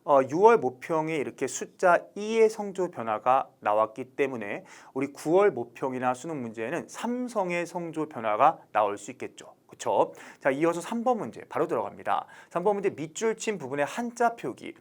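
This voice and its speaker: Lively, questioning male exam lecturer. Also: a little high, moderate pace, few pauses. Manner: lively, asks students questions and answers them himself. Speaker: Chinese language exam instructor.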